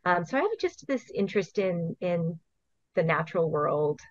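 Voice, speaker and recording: There's a sing-song quality to this lowish female voice, which moves at normal speed over dull, dry video call audio with no room sound. She's a middle-aged woman from Hawaii, a guest interviewee who runs an invasive species program. Talking from home, she answers casually, walking through things earnestly one step at a time with an occasional laugh.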